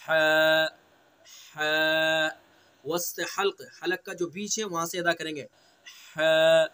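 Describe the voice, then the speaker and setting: A man's voice: on the high side, fairly even intonation, measured pace, sharp tone. A man with a Delhi Urdu accent teaching Quran recitation, patiently repeating each letter sound several times. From India. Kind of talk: slow tajweed lesson, drilling letter sounds.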